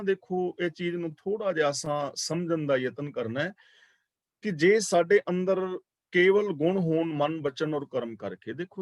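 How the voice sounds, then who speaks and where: A man teaching a scripture class, chanting verses slowly and then explaining them in a calm, measured way, repeating key words for emphasis. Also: a little high, no echo.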